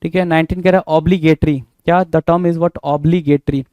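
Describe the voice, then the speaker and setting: A man's voice: on the high side, steady tone, unhurried, warm tone, dry recording. A man with an Indian accent teaching English vocabulary for an exam. He repeats each word, spells it out letter by letter, and keeps quizzing his students. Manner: repetitive, spells words letter by letter, quizzes listeners. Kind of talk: exam-prep vocabulary lesson.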